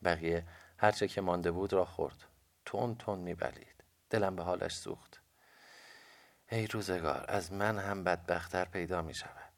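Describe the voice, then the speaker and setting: Male audiobook narrator, low and gravelly, calm reflective first-person telling.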